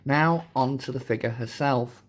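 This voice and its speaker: A man hosting a casual, chatty toy review, his voice hoarse from a sore throat. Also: medium pitch, measured pace, a little hiss or hum. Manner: informal, chatty. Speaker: host of a toy review channel.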